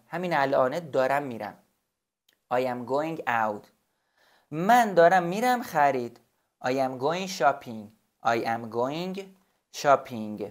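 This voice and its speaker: A man teaching a beginner language lesson, patiently repeating and spelling out each example slowly. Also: mid-range voice. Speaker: English teacher.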